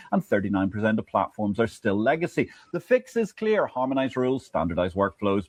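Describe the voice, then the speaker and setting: Animated, opinionated male finance host. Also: no echo. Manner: animated, emphatic delivery with wide pitch swings. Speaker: livestream host. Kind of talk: finance show monologue and interview.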